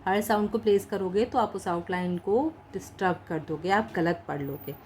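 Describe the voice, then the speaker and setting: A woman teaching a shorthand lesson in Hindi mixed with English words. She speaks patiently, slowly says each practice word and repeats it. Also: mid-range voice, a little mellow, a little hiss or hum. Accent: Indian English words mixed into Hindi.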